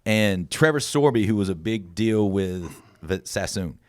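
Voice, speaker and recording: A man hosts a casual podcast and tells a long story full of swearing, slipping into other people's voices along the way. His voice sits low, and the studio sound is dry and close. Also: animated, measured pace, darkish tone, dry recording. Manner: profane storyteller acting out quoted voices. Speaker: podcast host.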